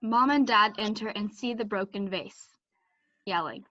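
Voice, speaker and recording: As narrator of a play put on remotely over video call, a woman reads the scripted introduction and stage directions. Her mid-range voice is pushed and bright at a measured pace, the recording dry, though the call audio is slightly muffled.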